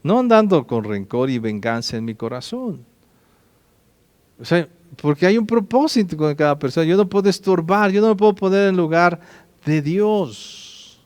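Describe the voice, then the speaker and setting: Male pastor, mid-high voice, exhorting sermon delivery, dry close sound. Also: expressive, moderate pace, a little mellow, clear, resonant tone, no room sound. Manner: exhorting with direct questions to listeners.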